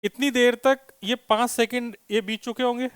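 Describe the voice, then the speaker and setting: High-voiced man teaching physics. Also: steady tone, normal speed, a bit bright, clean tone, dry recording, clean studio sound. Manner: asks students questions, teasing and joking. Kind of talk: classroom lecture with students. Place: classroom.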